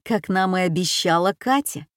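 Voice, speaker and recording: A woman voicing a calm, sullen boy in glasses who speaks quietly. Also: fairly low pitch, normal speed, no echo, clean studio sound, close to an everyday voice. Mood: hushed. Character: calm bespectacled schoolboy, gloomy and level-headed. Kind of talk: audiobook character voice.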